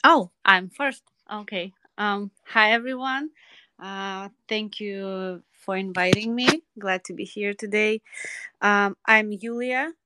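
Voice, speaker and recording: A woman from Russia, introducing herself as a musician, hesitant with many pauses. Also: medium pitch, bright, forceful tone, clear, resonant tone, no room sound. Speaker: guest, musician. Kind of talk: casual self-introduction.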